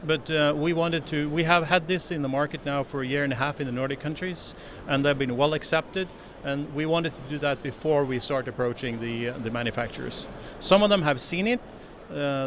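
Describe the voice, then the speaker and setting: With a slightly high, fairly bright tone, a middle-aged Norwegian man representing his company explains a product in earnest during a trade show interview. He stands at an indoor exhibition stand, speaking into a handheld interview mic while the crowded floor makes noise behind him. His phrasing is a little non-native, and he often starts sentences over.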